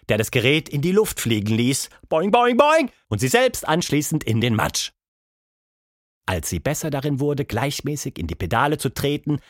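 A man reads a children's story aloud with lively, swinging intonation. His voice sits in a middle register and the recording is close and dry. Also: dry recording. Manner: expressive, voices characters with pitch jumps. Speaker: narrator. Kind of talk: scripted storybook narration.

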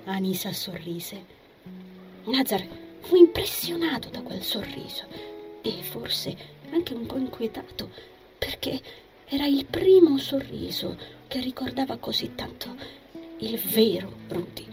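A woman narrating an audiobook in a measured, expressive reading. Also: a little high, faint music behind.

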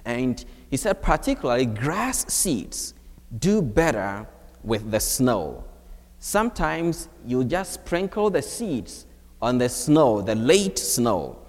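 Slow-preaching priest in a church. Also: male voice, very animated. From Ghana. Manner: slow, measured preaching with wide swings of pitch. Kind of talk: homily at Mass. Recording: long church reverb.

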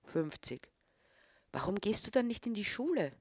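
A woman's voice: medium pitch, very animated, normal speed, breathy edge, no room sound, pitched above the performer's own voice. A woman reading the part of a disapproving middle-aged man who questions a boy. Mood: stern.

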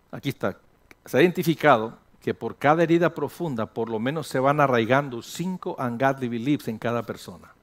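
An older man preaching a sermon as pastor, animated and joking with the congregation, dropping into a hushed low voice at times. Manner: animated, jokes with the congregation, mixes English phrases. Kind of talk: sermon teaching.

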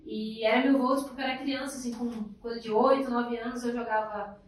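Young woman, upbeat chat, a bit high voice, roomy and distant. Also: steady tone, fairly quick. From Bahia, Brazil. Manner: chatty, upbeat storytelling. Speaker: guest, emergency doctor. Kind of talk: casual podcast chat. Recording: roomy echo, off-mic.

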